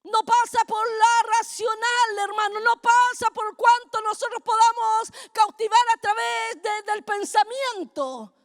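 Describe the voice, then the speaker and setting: Very high-voiced fervent woman preacher. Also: steady tone, a little slow, hardly any pauses. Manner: fervent, builds to shouting, addresses "hermano". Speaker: apostle preaching at a congress. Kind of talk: sermon.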